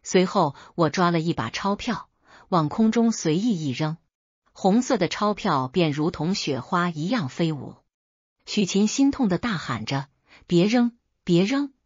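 Storyteller reading a family drama, husky and low-pitched, dry sound. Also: female voice, lively intonation, a little slow, no echo, dull audio. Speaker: story narrator. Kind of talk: scripted story narration.

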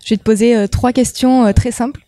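A woman interviewing a comedian, asking questions quickly. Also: on the high side, fairly even intonation, mellow. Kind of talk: casual interview.

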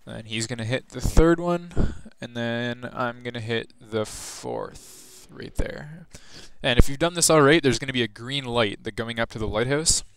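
A teenage boy hosting a gaming video narrates a walkthrough casually, rambling loosely with plenty of fillers and restarts. His voice is medium-pitched, a little slow, and he hardly pauses.

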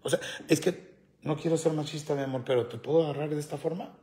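Casting note: middle-aged man, slightly high voice, banters and laughs while reading comments. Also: steady tone, fast talker, mellow. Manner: joking, laughs often, reads comments aloud. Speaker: host. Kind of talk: casual live chat.

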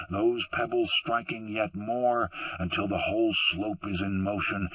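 A man reading an audiobook in a measured, deliberate narration with a husky voice. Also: on the low side, a bit bright, no room sound, recorded from a distance, poor audio. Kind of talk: scripted narration.

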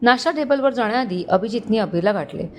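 A woman storyteller narrating a romantic family story in an expressive, measured way. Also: fairly high pitch, slight background noise.

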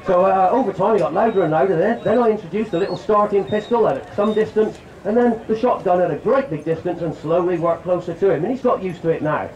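A fairly high-voiced man talks straight to a crowd at an outdoor show, chatty and full of jokes. The sound is echoey and dull, like a public address at a fair. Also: fast talker, few pauses, a little mellow. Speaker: shooting demonstrator. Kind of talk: outdoor live demonstration talk. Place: outdoor country show, on a stand.

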